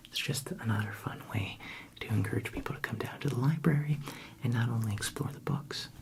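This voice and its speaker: A man performs a whispered role-play as a friendly librarian. His library whisper is soft and breathy with a gravelly, fry-laden edge. He speaks gently and unhurriedly, with chatty asides straight to the listener. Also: mid-range voice, a little fast.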